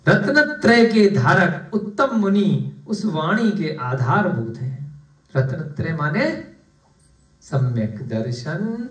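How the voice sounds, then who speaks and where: Man, scripture class teacher, slow measured delivery, fairly high voice, echoey room, some distance from the mic. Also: sing-song. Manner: asks the class questions and answers them himself. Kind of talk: explaining a religious text to a class.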